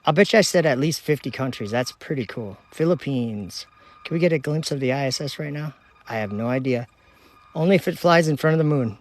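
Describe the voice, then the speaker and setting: A man hosting a relaxed livestream, reading comment after comment aloud in an easygoing, chatty way. His voice sits in an ordinary middle pitch. He is talking outdoors at night beside a telescope. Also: fairly quick. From Minnesota, United States. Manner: relaxed, reads viewer locations aloud in a chatty running list. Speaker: livestream host.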